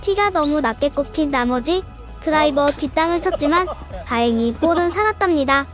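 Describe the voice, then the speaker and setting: A woman's voice: high voice, animated, normal speed, soft background music. A woman narrating a round of golf as a golf commentator, reading scripted shot-by-shot reports in a polite, formal way. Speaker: narrator of an amateur golf vlog.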